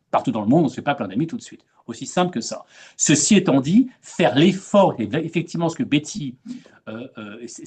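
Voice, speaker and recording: A man's voice: medium pitch, husky. A man with a French accent moderating a webinar over a video call, talking in a conversational way, often repeating words as he goes. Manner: hesitant, repeats words, animated emphasis. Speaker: webinar moderator and expat coach.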